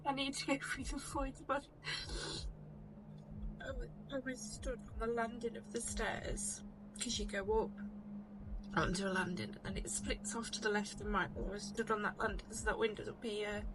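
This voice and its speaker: A British woman, a paranormal investigator, giving a casual, shaken first-hand account in halting, repetitive phrases. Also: a little high, steady tone, background noise. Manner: shaken, halting, repeating herself.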